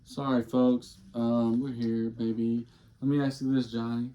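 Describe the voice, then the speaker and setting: A man's voice: medium pitch, flat delivery, a little slow, mellow. A man hosting a casual podcast chat, talking in a blunt, profane way. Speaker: podcast host. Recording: muffled, noisy recording.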